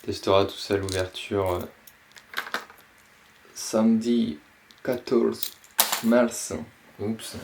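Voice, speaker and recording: A man casually presenting and unboxing a box of fishing lures, pausing often with fillers. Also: on the low side, fairly even intonation, background noise. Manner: slow, hesitant, many fillers. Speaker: fishing vlogger.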